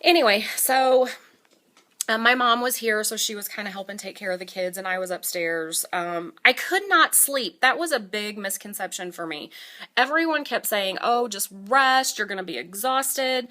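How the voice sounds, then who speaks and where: A woman talks casually and candidly, as if updating followers on her own life. Her voice is bright and clear-cut in tone, sitting at an average pitch. She is conversational, dropping in dry little asides as she goes. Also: lively intonation, normal speed. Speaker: vlogger giving a surgery recovery update. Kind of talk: casual personal storytelling to camera.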